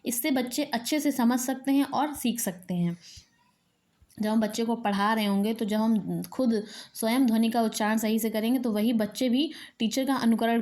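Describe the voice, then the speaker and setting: A woman's voice: a little high, darkish tone. A woman teacher giving an exam-prep lecture, reading each point aloud and then explaining it again in plain words.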